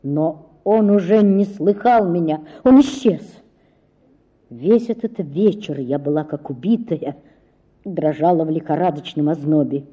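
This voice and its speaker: Expressive woman reading a novel aloud. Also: low-pitched, unhurried, breathy edge, muffled recording. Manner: expressive, emotional storytelling. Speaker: audiobook narrator. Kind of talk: literary audiobook narration.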